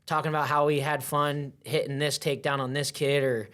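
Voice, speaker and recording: A man coach telling stories in casual podcast chat, lively and acting out quotes. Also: a little high, brisk. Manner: storytelling, lively, acts out quotes. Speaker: wrestling coach.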